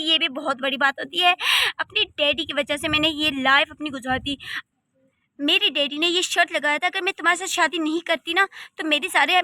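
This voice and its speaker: A woman with a high, sharp voice, recorded with no room sound, plays a spoiled, haughty young rich wife in a cartoon story. She's scolding and scornful.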